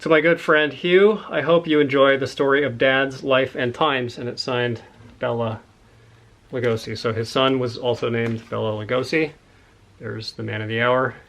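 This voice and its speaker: A man's voice: medium pitch, steady tone, normal speed, a bit bright. A man in a casual, rambling chat about books he has found, enthusiastic and a little out of breath. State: slightly out of breath. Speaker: book collector showing a haul.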